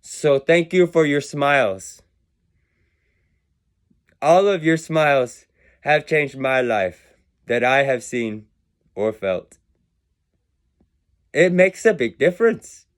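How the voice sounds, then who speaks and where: A man's voice: medium pitch, lively intonation, slow pace, long pauses. A man giving a rambling, philosophical monologue about numbers, meandering and self-mocking, his accent drifting in and out. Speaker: video creator musing on numbers and words.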